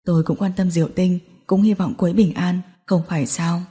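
A woman voicing a gentle, caring young man in an audiobook drama, speaking softly and soothingly. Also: lowish voice, steady tone, fairly quick, long reverb tail, voice pushed down, natural voice. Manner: soft, soothing.

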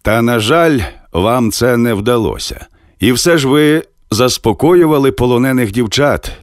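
A man playing an older uncle presiding over a tribunal, questioning the accused and reading out a sentence in a measured, authoritative way. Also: medium pitch, lively intonation, no room sound, clean studio sound, natural voice. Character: older uncle presiding as judge, calm and firm.

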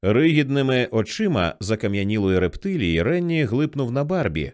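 A man reading a novel aloud as an audiobook narrator, shifting his voice for the characters' lines. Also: normal speed. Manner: lively, shifts pitch for quoted characters.

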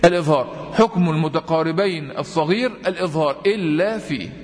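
A man with an Egyptian accent teaching tajweed, quizzing his students with repeated questions and chanting verse examples slowly. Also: on the high side. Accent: Egyptian Arabic. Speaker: Quran recitation teacher. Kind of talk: tajweed lesson. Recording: long reverb.

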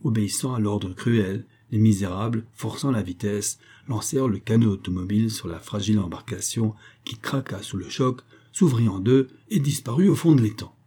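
A man reading an old adventure novel aloud in steady, measured narration. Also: fairly low pitch, breathy edge. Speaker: audiobook narrator.

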